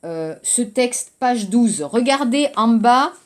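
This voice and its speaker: A woman's voice: a little high, animated, takes it slowly. A woman from France teaching a French class, explaining patiently and repeating phrases, with a few Korean words mixed in.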